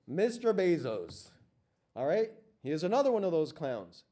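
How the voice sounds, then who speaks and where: In a meeting room, a man delivers a fiery workshop talk to a live audience, firing off question after question and repeating lines for emphasis. His voice is a little high and warm, moving a bit slowly with big swings in pitch.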